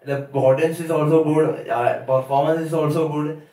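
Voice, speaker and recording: A man from Kerala with a Malayali Indian English accent, doing halting open-mic stand-up, nervously rambling and repeating his words. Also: on the high side, little pitch movement, dark tone. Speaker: amateur stand-up comedian. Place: live open-mic venue, small audience. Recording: echoey room, far from mic.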